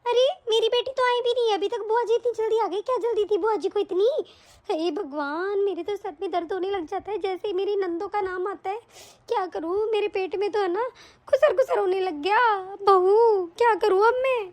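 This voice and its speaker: A vain, scheming mother-in-law in a cartoon story, as a woman voices her, muttering and grumbling. The voice sits very high despite her age. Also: brisk, hardly any pauses, a little mellow. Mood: fretful. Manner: grumbling, muttering, self-pleased. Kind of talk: animated story voice acting.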